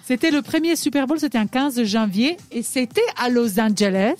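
A woman's voice: a little high, animated, normal speed. A woman hosting a casual studio quiz, chatty and full of hesitations and fillers. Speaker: radio quiz host.

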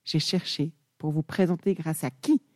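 A woman's voice: sits low, steady tone, normal speed, a little mellow, no echo, clean studio sound. A young woman presenting an enthusiastic music chronicle on the radio.

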